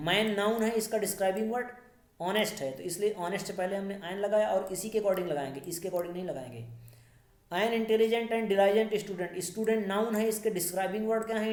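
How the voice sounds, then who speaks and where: A woman's voice: medium pitch, darkish tone. Patient woman teaching grammar in an echoey room. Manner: patient, explains step by step, slows down to read English rules aloud. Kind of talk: explaining a grammar lesson.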